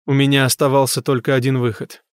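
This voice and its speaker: A man's voice: mid-range voice, monotone, fast talker, clear, resonant tone, no echo, studio quality. A man narrating a novel in a tense, grave manner. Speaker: audiobook narrator. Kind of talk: scripted narration of a horror novel.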